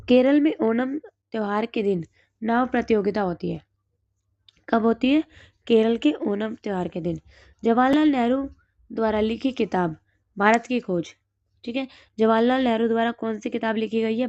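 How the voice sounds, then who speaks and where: A woman with a hoarse throat, teaching exam notes and asking and then answering her own quick questions. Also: a little high, a little mellow, dry recording, dull audio. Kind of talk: reading through study notes.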